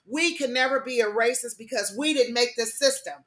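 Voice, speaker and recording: A woman with a fairly high voice hosts her own radio show, ranting in a heated, emphatic, profane monologue. The recording is roomy and echoey. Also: brisk, a bit bright. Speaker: internet radio host. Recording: echoey room.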